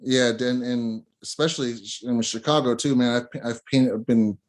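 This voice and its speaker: A man's voice: mid-range voice, fairly even intonation, moderate pace. Laid-back man hosting an interview. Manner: laid-back, lots of "dude" and "you know" fillers. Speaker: interview host. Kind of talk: casual interview chat.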